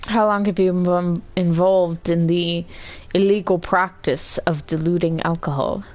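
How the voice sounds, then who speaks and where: A woman's voice: on the low side, steady tone, measured pace, darkish tone, lightly acted, low-quality recording. A woman voicing a judge in a game, asking pointed, probing questions in her own voice. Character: stern judge questioning a fraud suspect.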